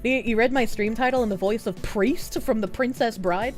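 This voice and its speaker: A woman live streamer chatting casually, with playful swearing and the gushing, exclamatory manner of an excited anime fan. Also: a little high, moderate pace, faint music behind.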